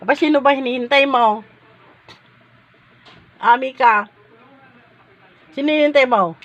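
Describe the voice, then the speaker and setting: A woman's voice: sits high, measured pace, fairly bright tone, muffled recording. A woman at home filming her dog and talking to it in a playful, coaxing way, laughing often. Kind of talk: casual talk to a pet. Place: at home, indoors.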